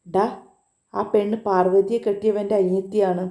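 A woman's voice: medium pitch, level tone, moderate pace, dark tone, close to an everyday voice. A woman voicing sly young male friends who goad and stir up trouble. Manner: goading, sly. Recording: roomy echo.

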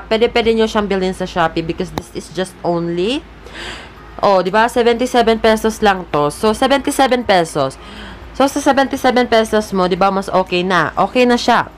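A woman's voice: mid-range voice, a little hiss or hum. A young woman with a Filipino accent chatting casually through a product review vlog, often checking in with her viewers. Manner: chatty, keeps tagging "guys, no?". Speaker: vlogger reviewing a lapel mic. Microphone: switches between a lapel mic and the phone's own mic.

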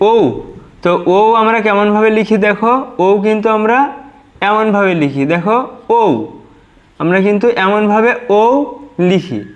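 A man from Bangladesh teaching an exam-prep pronunciation lesson, spelling words out slowly syllable by syllable and often saying "look". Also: sits high, muffled recording. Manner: slow, syllable-by-syllable spelling out, repeats "dekho".

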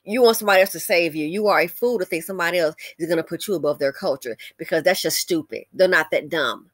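Speaking fast in a fairly low voice, an American woman hosts a commentary channel and reads out comments. She is blunt, scolding and opinionated, with emphatic asides and rhetorical questions, and the clean studio sound has no room sound.

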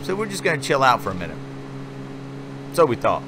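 A man's voice: medium pitch, huge pitch swings, brisk, background noise. A man casually talking viewers through his gameplay footage in a rambling, chatty play-by-play. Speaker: gaming channel host. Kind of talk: casual gameplay commentary voice-over.

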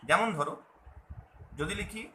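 A man's voice: sits high, expressive, measured pace, sharp tone, echoey room, a little hiss or hum, rough recording. A man giving a video lesson to viewers, patiently explaining and repeating, often asking a question and then answering it himself. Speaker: Bengali language teacher.

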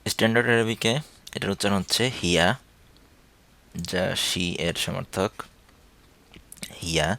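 Slow, deep-voiced man teaching a language. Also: vocal fry, pushed and bright. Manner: slow and deliberate, repeating each example phrase aloud several times. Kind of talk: slow spoken language lesson.

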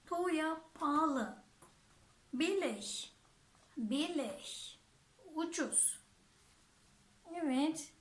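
A woman teaching a vocabulary lesson, saying each word twice and then translating it. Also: high voice. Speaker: German teacher. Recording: echoey room.

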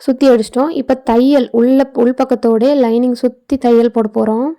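A woman's voice: a little high, fairly even intonation, fairly quick, warm tone. A woman giving a casual, explanatory voice-over for a sewing tutorial, with chatty asides. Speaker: tailoring channel host. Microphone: phone.

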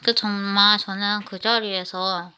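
A woman's voice: mid-range voice, level tone, takes it slowly, sharp tone, clear, resonant tone. A woman narrating a personal story in the first person, rambling and often restarting her sentences.

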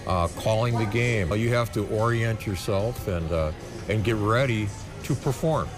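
A man's voice: on the low side, measured pace. Man in his seventies, music behind. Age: 70s. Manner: repeats words for emphasis. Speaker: professional bingo caller. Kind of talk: interview answers. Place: large bingo hall, indoors.

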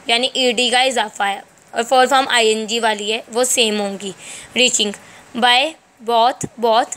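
A woman's voice: a little high, a bit bright. A woman with a Pakistani accent teaching English grammar in a recorded lecture. She reads English rules out word by word, then explains them in Urdu, often checking "theek hai".

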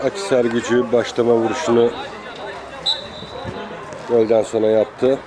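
A man's voice: mid-range voice, level tone, a little slow. A man giving live football play-by-play in clipped phrases, calling out player names. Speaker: football commentator. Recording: crowd noise, outdoor amateur match. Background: outdoor crowd.

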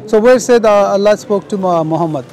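Hombre insistente de voz aguda. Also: male voice, high-pitched, quick pace, darkish tone, slight background noise. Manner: insistent, interrupting, challenging. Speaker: street preacher at a debate booth. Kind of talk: heated street debate. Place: outdoor park plaza.

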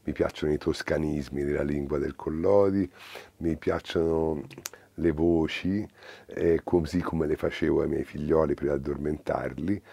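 A man talks thoughtfully in an interview and pauses often to find his words. His voice is deep and gravelly with a husky edge. The sound is close and dry. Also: fairly even intonation, mellow, no room sound. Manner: thoughtful, halting, with many fillers. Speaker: audiobook reader and interviewee. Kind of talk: reflective interview and expressive reading.

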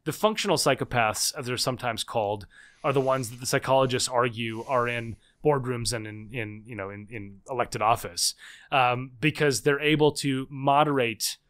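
In a conversational interview, a man in his thirties who writes books and guests on podcasts gives long explanations. His mid-range voice has a fairly bright tone, and his rapid delivery keeps looping back with restarts and repeated words.

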